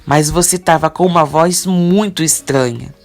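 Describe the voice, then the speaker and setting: A woman reading the lines of a guarded young police investigator from a soap opera recap, at an unhurried pace. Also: low-pitched.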